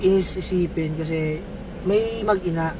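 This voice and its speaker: A man livestreaming, chatting with viewers, giving shoutouts and telling a joke story in a casual, playful way. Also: high-pitched, measured pace, background noise. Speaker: livestream vlogger.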